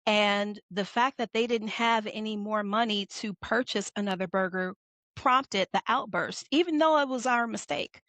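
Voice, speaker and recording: Brief: woman leadership coach, lively storyteller, direct and conversational, dry voice. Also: medium pitch, normal speed, no room sound. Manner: animated, conversational, addresses listeners directly. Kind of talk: motivational storytelling talk.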